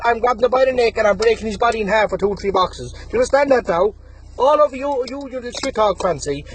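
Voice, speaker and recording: An Irish man in his twenties, his voice very high-pitched, fires off an angry callout rant to camera, taunting and threatening a rival and saying the target's name repeatedly. The low-quality recording has a little hiss or hum.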